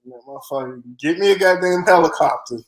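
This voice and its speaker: A man's voice: a little high, fast, poor audio. A man co-hosting a casual boxing chat, throwing in profane, laughing side comments. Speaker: podcast co-host.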